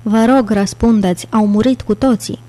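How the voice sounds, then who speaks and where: A frightened but defiant nun in an audiobook, acted by a woman narrator. She pleads and resists in a mellow voice at a middle pitch. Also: fairly even intonation, close to an everyday voice.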